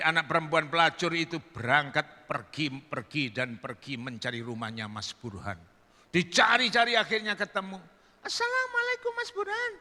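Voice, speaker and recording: A man preaching, telling a comic story in an animated, theatrical way at a large event. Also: on the high side. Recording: echoey hall.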